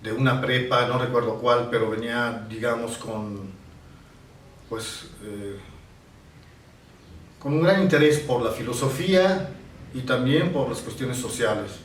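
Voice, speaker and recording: With a faint ambient hum beneath him and noticeable reverb in the room, an Italian painter in his sixties sits some distance from the mic, reminiscing in an interview. His mid-range voice is reflective, and he often stops to search for the next word.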